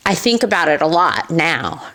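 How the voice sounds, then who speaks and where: A middle-aged esthetician and business owner from Southern California, with a Californian accent, tells personal stories candidly as a podcast guest in a conversational interview. She speaks at a normal speed in a low voice, animatedly acting out remarks she remembers.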